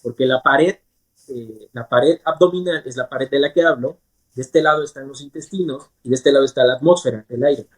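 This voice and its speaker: A male surgeon talks through a medical topic as a guest, keeping it simple and stopping often to check that listeners follow. His voice sits at an ordinary middle pitch with a slightly husky, breathy edge. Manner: patient and teacherly, often checks understanding with a quick question. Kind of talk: explaining medicine in plain terms in an interview.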